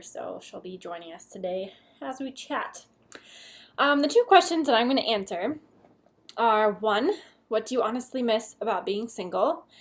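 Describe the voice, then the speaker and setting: A chatty woman in her twenties giving candid advice in a casual vlog. She talks at an easy, mid-range pitch and now and then drops to a whisper for an aside. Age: 20s. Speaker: vlogger.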